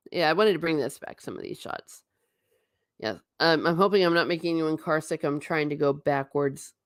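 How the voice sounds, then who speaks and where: Low-voiced and recorded cleanly in studio quality without room sound, a middle-aged woman gives casual commentary on a stream. She wanders through talk about her travel photos and makes fun of herself along the way.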